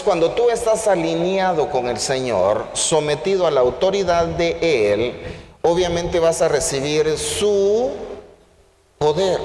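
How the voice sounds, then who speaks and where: Male preacher, animated sermon full of questions to the congregation, fairly high voice, long hall reverb. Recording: echoey church hall, faint noise.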